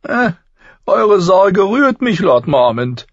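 A man voicing a small, sharp-tongued nobleman with a raised, pinched voice. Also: high-pitched, very animated, slow pace, no room sound, muffled recording, voice pushed up, exaggerated voice. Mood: sardonic.

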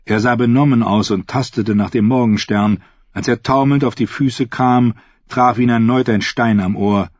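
A man narrating a story in a steady, measured way. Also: medium pitch, no echo. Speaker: audiobook narrator. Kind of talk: scripted narration. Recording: dull, dry close recording.

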